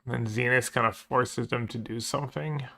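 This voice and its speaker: A man's voice: medium pitch, steady tone, normal speed, vocal fry, sharp tone. A man streaming a card game, chatting casually with viewers and thinking aloud in short, trailing phrases. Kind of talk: casual gameplay chat to a live chat.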